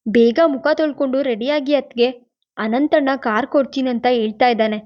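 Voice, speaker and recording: A playful young brother-in-law, read by a woman narrator, teasing everyone. The voice is fairly high, and the recording sounds dull. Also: moderate pace, close to an everyday voice.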